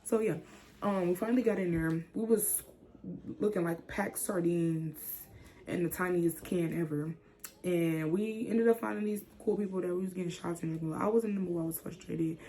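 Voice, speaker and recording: A young woman tells a story to her viewers in a loose, chatty way. Her voice sits low and mellow, then leaps high or falls to a hushed whisper whenever she replays a moment. The delivery is expressive and casual. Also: moderate pace. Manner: animated, acts out quotes with sudden whispers and high squeals. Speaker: vlogger.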